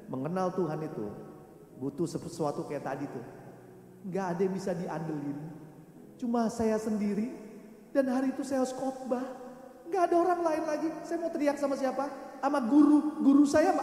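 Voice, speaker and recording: A middle-aged male pastor preaching a sermon, telling stories in a lively way, acting out quoted voices and laughing along. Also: very high voice. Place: large church hall. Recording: echoey hall with reverb.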